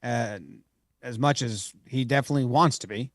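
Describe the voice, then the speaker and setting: A man's voice: mid-range voice, normal speed, no room sound, clean studio sound. A man co-hosting a podcast, chatting casually and playfully about baseball. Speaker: podcast co-host. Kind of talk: casual sports chat.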